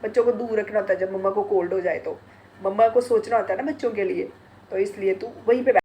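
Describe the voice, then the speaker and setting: A woman's voice: mid-range voice, fairly even intonation, quick pace, warm tone. Middle-aged woman vlogger, blocked-nose cold voice, chatty and laughing, faint hiss behind. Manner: chatty, laughing often, retelling family talk. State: congested and sore-throated from a cold. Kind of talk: casual chat to camera.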